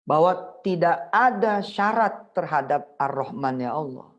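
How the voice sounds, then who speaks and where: A middle-aged man preaching in a virtual study circle, telling a story with lively swings, acting out prayers and scolding parents. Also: on the high side, measured pace, highs cut off. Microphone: video call.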